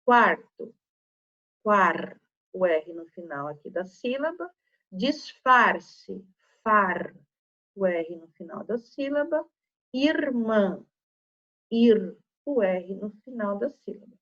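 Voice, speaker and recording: A woman's voice: medium pitch, animated, measured pace, dark tone, lo-fi sound. A woman teacher with a Brazilian Portuguese accent giving a recorded spelling lesson to children, patiently stretching out example words syllable by syllable.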